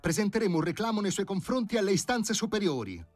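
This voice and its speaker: A man's voice: medium pitch, animated, brisk, darkish tone, no echo, faint music behind, voice pushed up, close to an everyday voice. A man reading an audiobook, voicing an officious, agitated male committee leader.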